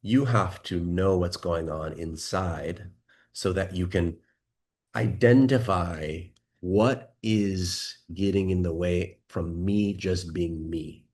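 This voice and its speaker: A man coaching listeners, talking calmly and leading them through a slow guided breathing exercise with many questions. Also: low voice. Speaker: dating and confidence coach.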